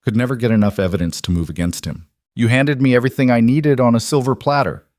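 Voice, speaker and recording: A man voicing a calm, firm federal marshal in a western tale. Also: medium pitch, fast talker, no room sound, clean studio sound, close to an everyday voice. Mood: warm. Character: stern, fair-minded federal marshal, grown man.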